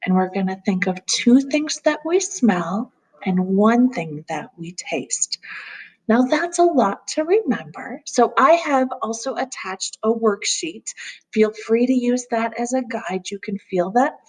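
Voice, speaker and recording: A woman guiding a calm grounding exercise as an instructor, speaking gently and soothingly in a soft, slightly breathy voice without hurry. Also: a little high, measured pace, rough recording.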